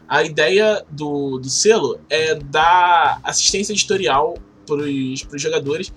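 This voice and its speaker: A man with a Brazilian Portuguese accent talks casually as an interview guest, explaining things in a halting, informal way. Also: fairly high pitch, fairly bright tone, a little hiss or hum. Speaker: podcast guest, game project organizer.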